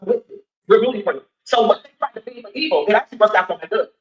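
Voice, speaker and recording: A woman's voice: medium pitch, lively intonation, quick pace, reverberant, lo-fi sound. A woman in her sixties, a candidate answering interview questions in an emphatic, repetitive, defensive way. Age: 60s. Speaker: city council candidate.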